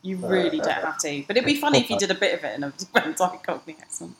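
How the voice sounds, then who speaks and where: A woman's voice: fairly low pitch, expressive, fast, gravelly, a crowd in the background, poor audio. A woman hosting a casual book podcast, playful and organized as she steers the chat. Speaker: podcast host moving the discussion along. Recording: noticeable background noise.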